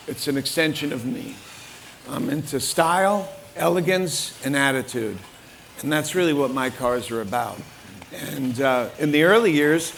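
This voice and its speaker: A man's voice: on the high side, creaky, a bit bright, a little hiss or hum. Older New York man telling his story. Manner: plain, unhurried storytelling with frequent "uh". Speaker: panel guest, car stylist. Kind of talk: panel discussion. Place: forum room with an audience.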